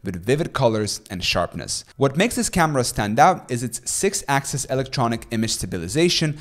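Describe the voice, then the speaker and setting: A young man in his twenties reads a scripted product review at a medium pitch. He moves through specs and prices with a steady, promotional delivery. He is close on a studio microphone in a small room. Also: fairly quick.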